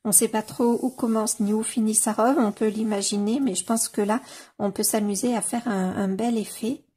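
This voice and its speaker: A woman casually leafing through a coloring book on camera, gushing over the pages with many fillers and slowly sounding out titles. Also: medium pitch, fairly even intonation, warm tone, breathy edge. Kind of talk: casual flip-through commentary.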